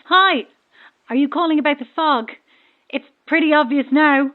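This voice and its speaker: A woman with a high voice, speaking at a moderate pace, plays a breezy, chatty, self-deprecating Irish boat passenger in a horror audio drama. As a caller from a stranded boat, she comes through a thin, narrow-band marine radio filter.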